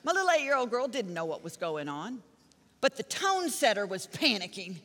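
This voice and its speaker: Preaching at normal speed and very animated, a middle-aged pastor fills a big church auditorium with her bright, high voice and its lingering reverb. Stories lead into short, forceful phrases she repeats to drive each point.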